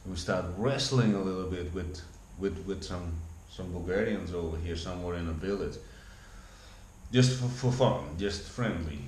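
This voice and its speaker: Speaking at normal speed in a darkish, fairly low voice, this Dutch man in his forties wanders through an unscripted vlog monologue, often restarting and repeating himself. His Dutch accent is clear, and the echoey room carries a faint background hum.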